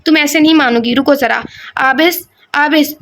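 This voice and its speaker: A woman's voice: sits high, a bit bright. A woman doing a strict scolding mother. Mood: stern. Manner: bossy, exasperated.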